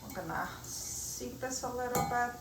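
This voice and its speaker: A woman's voice: fairly high pitch, unhurried, roomy sound, over music, low-quality recording. A middle-aged woman from Poland with a Polish accent, hosting a home cooking show and chatting through each step as she works in her kitchen. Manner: chatty, explains each step while working.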